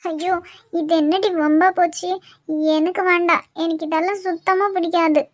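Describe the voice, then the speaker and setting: A stubborn cartoon mother-in-law, as a woman voices her, whining and protesting in a Kanyakumari Tamil accent. Her voice sits very high, and the sound is dry and close. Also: fairly even intonation, moderate pace, no echo. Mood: whiny protest. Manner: whiny, protesting, dramatic. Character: fussy stubborn middle-aged mother-in-law. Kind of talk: cartoon voice acting.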